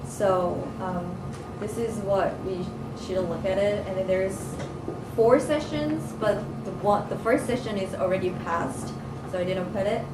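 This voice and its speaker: A woman giving a presentation to a community group, speaking haltingly, with fillers and loose grammar. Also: mid-range voice. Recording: echoey room, loud background noise.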